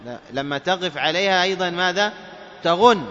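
A man teaching the rules of Quran recitation. He quizzes listeners with questions and chants the examples slowly. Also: high voice, pushed and bright. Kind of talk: tajweed lesson. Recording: dull lo-fi sound with long reverb.

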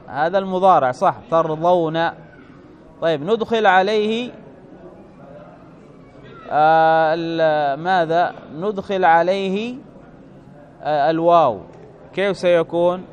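High-voiced man teaching grammar. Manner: questioning, drawn-out stresses on examples. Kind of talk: classroom grammar lesson.

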